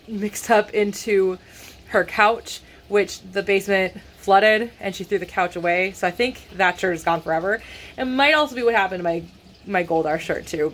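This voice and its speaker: A woman's voice: medium pitch, a bit bright. A congested woman talking casually to her vlog camera, rambling with dry sarcastic asides. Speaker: vlogger.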